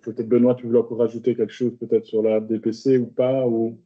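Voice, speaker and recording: A man chairing a council meeting as mayor, explaining at length with many hesitations, recorded with dull low-fidelity sound. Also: little pitch movement, fast. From Belgium. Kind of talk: council debate. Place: council chamber.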